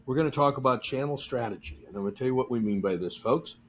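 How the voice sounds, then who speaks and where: A man's voice: mid-range voice, fast. A man hosting a podcast, talking in a casual, joking and explanatory way. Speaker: podcast host.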